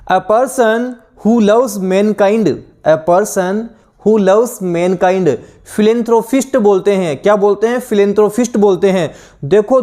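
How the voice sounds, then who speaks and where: A young man with a high voice and an Indian accent leads an online exam-prep class. He reads each definition out slowly and deliberately, then drills the answer through repeated rhetorical questions. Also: darkish tone. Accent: Indian English.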